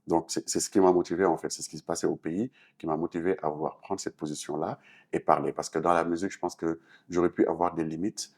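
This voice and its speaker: A Senegalese man, a talk show guest who is an artist and activist, answers interview questions in French-speaking West African style, explaining things earnestly with a Senegalese accent. His voice is low-pitched and darkish, with a steady tone, and he talks fast.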